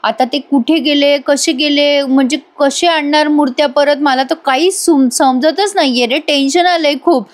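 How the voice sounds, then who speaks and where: A woman's voice: high voice, fairly even intonation, moderate pace, few pauses, natural voice. A woman voicing a distressed young idol maker, pleading and anxious in a raised voice.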